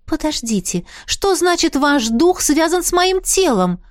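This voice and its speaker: A woman's voice: sits high, moderate pace, dry recording, studio quality, voice pushed up, lightly acted. A woman voicing a spirited young heroine in an audiobook, asking eager, urgent questions. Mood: startled.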